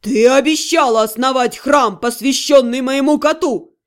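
A woman voicing a furious, capricious male high demon who bellows and shouts at people. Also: moderate pace, close to an everyday voice. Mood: roaring.

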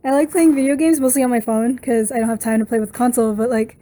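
A woman's voice: on the high side, steady tone, fast, warm tone. A woman, a social media manager, answering an interview in a chatty, casual way.

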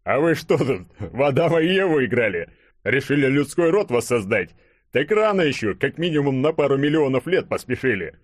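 A man reading an audiobook, voicing a brash burly young man who boasts and jokes loudly. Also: on the low side, lively intonation, moderate pace, no room sound. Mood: boastful joking. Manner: loud, swaggering, joking. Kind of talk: audiobook character voice.

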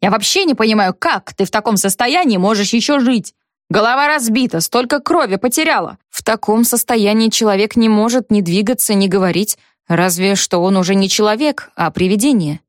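A woman voicing a brisk, practical woman who speaks in a reproachful, matter-of-fact way. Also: mid-range voice, dry recording, clean studio sound, natural voice.

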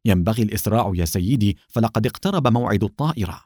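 A man's voice: on the low side, lively intonation, racing, darkish tone, slightly rough, no echo, studio quality. Man voicing an anxious young woman officer. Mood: worried. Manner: anxious, pleading. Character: young female lieutenant, loyal and worried.

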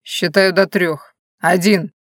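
A woman doing a bored, gruff bear spirit. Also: fairly low pitch, takes it slowly, dry recording, studio quality. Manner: curt, flat, monotone threats.

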